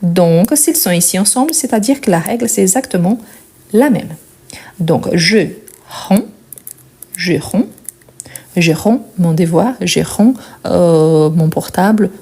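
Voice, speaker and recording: A woman teaching verb conjugation, repeating each form slowly and clearly and checking in with short questions. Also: fairly low pitch, expressive, dark tone. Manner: checks in with "ok?" and "bien". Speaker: French teacher. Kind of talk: explaining conjugation.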